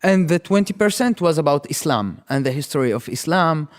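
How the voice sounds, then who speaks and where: Speaking as an interview guest, this Arabic-speaking man in his 30s reflects on his own experiences in a somewhat high, expressive voice. He stops and starts, going back over words as he gathers his thoughts.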